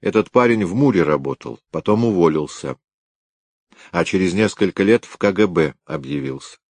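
Man doing a brisk young field detective. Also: deep voice, expressive, no room sound. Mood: reporting.

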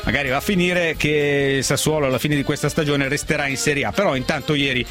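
A man's voice: fairly high pitch, steady tone, fast talker, music in the background. A man hosting a live sports radio phone-in, talking in a wry, loosely phrased monologue.

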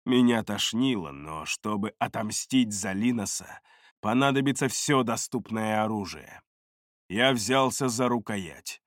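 A man reading first-person fantasy narration for an audiobook, calm and measured, on a close studio mic. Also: fairly low pitch, no room sound.

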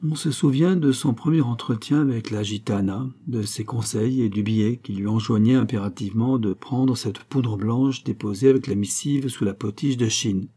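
A man reading a classic novel aloud as an audiobook narrator, with measured, steady storytelling. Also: medium pitch, husky. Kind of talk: scripted literary narration.

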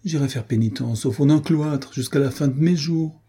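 Brief: male reader doing a rash young noble, vehement and pleading, higher and louder than the narration. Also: moderate pace, breathy edge. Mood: anguished. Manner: anguished, pleading, explosive.

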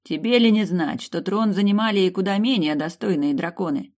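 A man's voice: high-pitched, brisk, darkish tone, voice pushed up. An audiobook reader voicing a blunt male dragon noble who snaps and barks his words. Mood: gruff. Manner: gruff, snapping.

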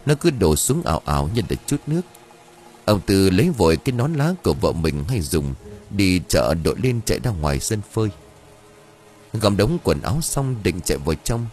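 A man narrating a ghost story aloud in an expressive storytelling way. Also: deep voice. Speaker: audiobook narrator.

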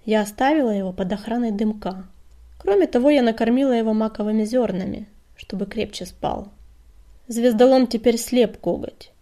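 A woman's voice: a little high, normal speed, dark tone, natural voice. A woman voicing a weary old female healer cat who speaks plainly and steadily in a storybook reading. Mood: steady.

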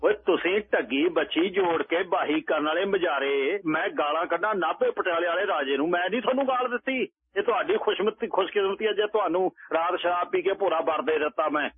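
A man's voice: high-pitched, a little fast, natural voice. A man voicing a brash, drunken old wandering holy man who mocks and insults everyone. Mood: cheeky. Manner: bold, mocking, shouting insults. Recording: tinny phone-like radio line.

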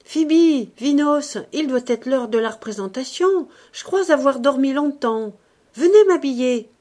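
A woman voicing a gentle young blind woman in an audiobook, speaking softly and eagerly. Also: high voice, animated, a little slow, pitched above the performer's own voice.

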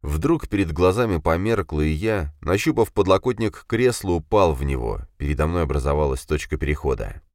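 Deep-voiced man reading an audiobook. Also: fairly quick, few pauses, no room sound, clean studio sound. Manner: expressive, dramatic reading. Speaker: audiobook narrator. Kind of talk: scripted fiction narration.

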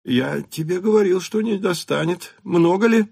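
A man's voice: sits high, moderate pace, creaky, darkish tone, slightly rough, voice pushed up, full character voice. A man reading an audiobook aloud and voicing a jovial, flustered old count who talks in raised exclamations.

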